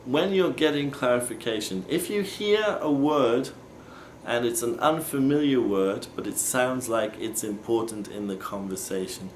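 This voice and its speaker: A man teaching English phrases, explaining slowly and patiently and acting out example questions. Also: on the low side, slight background noise. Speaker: language teacher. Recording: echoey room with faint ambience.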